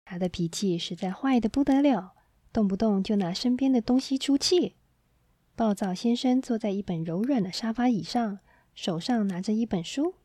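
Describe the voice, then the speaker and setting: A woman storyteller reading a children's story aloud in a gentle, expressive way, on a close mic. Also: medium pitch, normal speed, dry recording.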